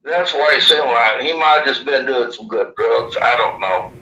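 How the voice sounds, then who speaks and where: A man's voice: mid-range voice, moderate pace, bright, forceful tone, echoey room, lo-fi sound, faint music behind. A man with a lisp and slushy s sounds from missing upper teeth, telling a first-hand story in a casual, folksy, rambling way. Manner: folksy, plain-spoken, rambling. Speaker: interviewee.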